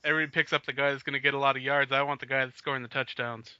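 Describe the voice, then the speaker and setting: Co-hosting a casual sports podcast, a man steers the conversation and laughs often, speaking very fast in a pushed, bright mid-range voice with little pitch variation. His tone is clean and echo-free, though the audio overall sounds dull and lo-fi.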